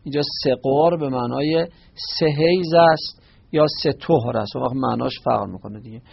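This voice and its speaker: A man with a gravelly, husky, mid-range voice gives a religious lesson, patiently explaining as he quotes short Arabic phrases and glosses each. He often breaks off mid-word to restart and correct himself, and the recording sounds dull and lo-fi.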